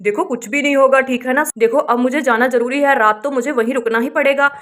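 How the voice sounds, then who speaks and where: Lady doing a chill village husband in a doll story, fairly high voice, waves off worries. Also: fairly even intonation, a little fast, fairly bright tone. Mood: reassuring. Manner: reassuring, brushes off fears. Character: young village husband, calm and dismissive.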